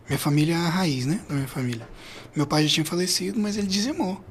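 A middle-aged Brazilian man with a hoarse, gravelly voice, telling a personal story as an interview guest in a halting, emphatically repetitive way. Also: a little high. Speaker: podcast guest.

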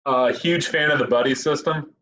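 A man's voice: on the high side, normal speed, fairly bright tone. A man as a podcast guest, chatting casually about a movie and animatedly acting out quotes. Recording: dull lo-fi sound.

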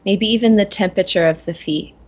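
A woman leading a guided meditation in a gentle, soothing manner, slowly and with long pauses. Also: medium pitch, highs cut off. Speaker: guest guiding a meditation.

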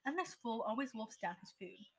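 A woman reading as Hermione, brisk and exasperated. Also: a little high, expressive, rough recording.

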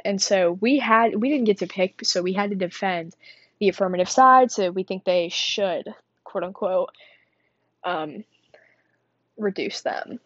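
A teenage girl talks casually and a bit out of breath, her middle-pitched voice wandering from thought to thought with lots of fillers. The sound is dull and dry, recorded close in a small quiet space. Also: unhurried, long pauses, dry recording. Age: teens. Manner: rambling, chatty, self-deprecating with frequent fillers. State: winded, out of breath. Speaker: student vlogger. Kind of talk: casual rambling monologue.

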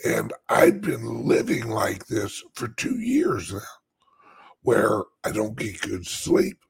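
Man, very husky smoker's rasp, gravelly creak, rambling casual live chat, halting delivery. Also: lowish voice, sing-song. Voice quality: dry, scratchy, raspy voice like a smoker's rasp.

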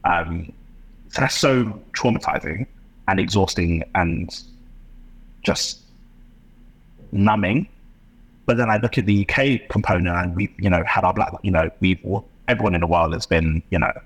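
Low, husky-voiced man. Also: moderate pace, long pauses, rough recording. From West London, England. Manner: reflective, impassioned, talks in long rambling runs with restarts. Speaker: podcast guest, entrepreneur. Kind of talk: casual interview chat.

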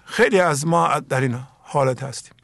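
A middle-aged man with an Iranian Persian accent, slowly reciting mystical poetry and explaining it in a plain sermon. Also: on the high side, animated, creaky, fairly bright tone, no echo. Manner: slow, emphatic recitation of verses then plain explanation. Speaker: spiritual teacher.

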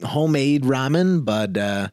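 A man's voice: mid-range voice, expressive, unhurried, darkish tone, clear, resonant tone, no room sound, studio quality. A man co-hosting a podcast, chatting casually and often stumbling over his words. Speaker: podcast co-host. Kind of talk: casual chat.

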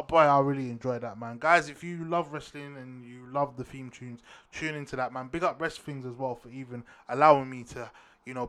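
A man with a London roadman accent hosting a casual solo sports podcast, talking in street slang and often repeating himself as he addresses listeners. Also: medium pitch. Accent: London roadman, urban British slang. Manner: slangy, repetitive shout-outs and addresses to listeners. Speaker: podcast host.

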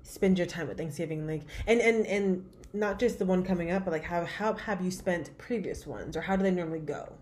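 A woman's voice: lowish voice, a little fast, darkish tone, slight background noise. A woman co-hosting a podcast in casual chat, chatty and full of "like" and restarts. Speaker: podcast co-host.

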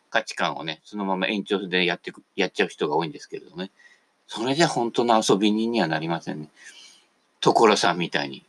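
A man hosting a casual radio talk monologue, chatty and digressive, tagging the ends of his phrases. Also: fairly low pitch. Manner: digressive, jumps between topics.

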